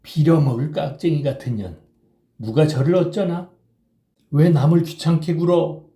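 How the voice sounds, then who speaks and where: A man voicing a drunk, boisterous middle-aged rickshaw puller who shouts and slurs in an audiobook reading. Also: medium pitch, measured pace, echoey room, pitched above the performer's own voice, natural voice. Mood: drunken storytelling. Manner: loud, slurring drunken shouting.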